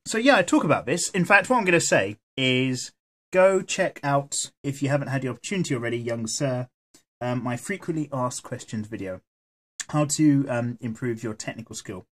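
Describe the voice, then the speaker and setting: A man chatting casually while he draws, rambling and swearing freely as he goes, with a voice that is going hoarse. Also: mid-range voice, animated, normal speed, fairly bright tone. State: losing his voice. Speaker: art vlogger. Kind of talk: casual chat while drawing.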